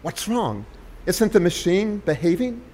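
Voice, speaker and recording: A man reading the lines of a gruff, skeptical young American man in an audiobook. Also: high-pitched, very animated, unhurried, dark tone, slight background noise. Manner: gruff, dry.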